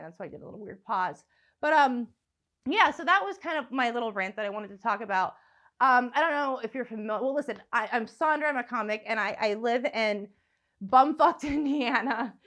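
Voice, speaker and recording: A woman's voice: a little high, expressive, fairly quick, fairly bright tone. A young woman stand-up comic ranting profanely and sardonically, practicing her set into a phone at home. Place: room at home.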